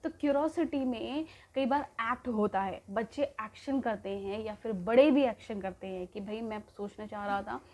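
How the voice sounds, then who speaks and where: A woman teaching in a recorded lecture, her voice mellow and a little high. She hesitates often, fills pauses and drops English terms into her explanations. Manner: hesitant, many fillers, mixes English terms.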